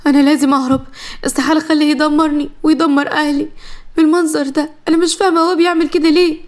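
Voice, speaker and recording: A woman's voice: high voice, racing. A woman voicing a young captive bride, pleading through tears. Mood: determined. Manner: tearful, pleading.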